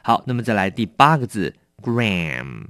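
A man with a Taiwanese Mandarin accent teaches English vocabulary in a dry, close recording. His fairly low voice moves up and down a great deal. He explains patiently and says each word slowly several times. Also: sing-song, sharp tone, no echo. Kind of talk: vocabulary lesson.

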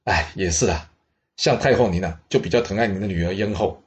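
A man voicing an elderly court minister who speaks slowly, politely and persuasively. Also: sits low, highs cut off, lightly acted. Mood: coaxing.

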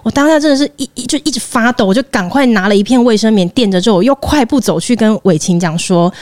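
A woman with a Taiwanese Mandarin accent hosting a podcast, telling a personal story in an animated way and acting out what people said. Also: a little high, quick pace, no room sound. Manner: animated storyteller, acts out quoted speech. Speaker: podcast host.

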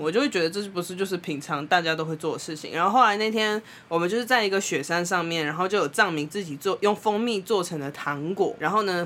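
A young Taiwanese woman with a Taiwanese Mandarin accent, co-hosting a podcast and telling a story in a blunt, animated way, laughing often. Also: lowish voice. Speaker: podcast co-host. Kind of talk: casual storytelling chat.

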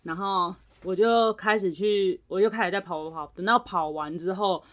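A woman's voice: lowish voice, moderate pace. A young woman, co-hosting a podcast and telling a work story in casual chat, acting out what others said. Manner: animated retelling, acts out quoted voices. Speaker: podcast co-host.

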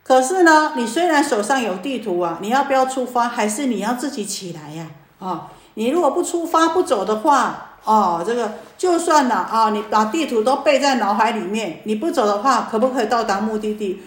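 A woman teaching as a Buddhist Dharma teacher, telling stories in a lively, animated way with many drawn-out fillers. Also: a little high. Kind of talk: sermon with storytelling. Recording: echoey room.

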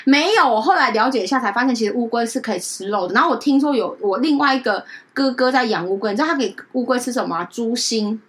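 A woman's voice: fast, hardly any pauses. A woman, telling a story in casual chat as a podcast co-host and often checking in with her listener. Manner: animated, keeps asking "you know?"; jumps into high-pitched voices when quoting others.

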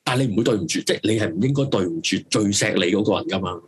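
Speaking very fast with a breathy edge, this lowish, animated male voice belongs to a talk show host with a Hong Kong Cantonese accent. His live stream is casual and opinionated, and he rambles emphatically, repeats his phrases, and swears without restraint.

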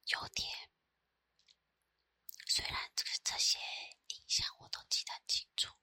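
A woman with a Taiwanese Mandarin accent tells personal stories in a soft, breathy ASMR whisper close to the microphone, unhurried and with pauses. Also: dry recording. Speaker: ASMR creator. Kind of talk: whispered ASMR storytelling, chatty.

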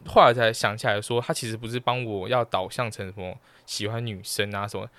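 A man's voice: lowish voice, fairly even intonation, fairly quick, a bit bright, dry recording. A man with a Taiwanese Mandarin accent telling a personal story as a guest in a casual chat, acting out the voices of the people he quotes.

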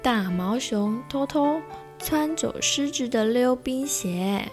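A woman reading a children's picture book aloud as a storyteller, with gentle, slow pacing. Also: fairly high pitch, lively intonation, faint music behind.

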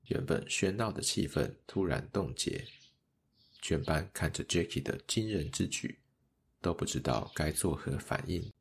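A man narrating a children's story in a gentle, measured way. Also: sits low, lively intonation, gravelly, a little hiss or hum.

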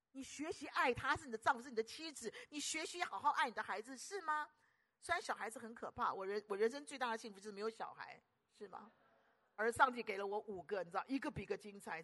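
An older woman preacher, giving an animated, teasing sermon full of rhetorical questions. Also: medium pitch.

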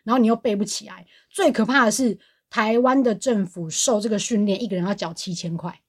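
A young woman with a Taiwanese Mandarin accent, co-hosting a casual podcast and telling stories in an animated way, laughing often. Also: mid-range voice, brisk, breathy edge. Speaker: podcast co-host. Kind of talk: casual chat, storytelling.

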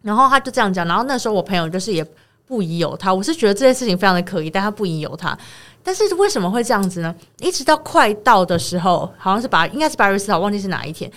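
Fast-talking Taiwanese woman retelling gossip. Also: mid-range voice, very animated, a bit bright. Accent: Taiwanese Mandarin. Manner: rambling retelling of a friend's story, many fillers. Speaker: podcast co-host. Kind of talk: casual chat, storytelling.

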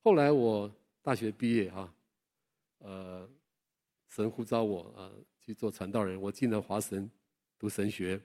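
Older pastor telling lively stories. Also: male voice, on the low side, measured pace. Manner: animated storytelling with self-deprecating humor; chatty, asks the listeners questions. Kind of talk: sermon with personal stories.

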